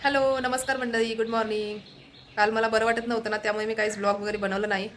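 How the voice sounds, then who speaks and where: A woman's voice: fairly high pitch, level tone, fast, a bit bright, slight background noise. Chatty woman vlogging around her home. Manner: chatty, keeps pointing viewers to things. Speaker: family vlogger. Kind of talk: casual home vlog narration. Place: home, indoors.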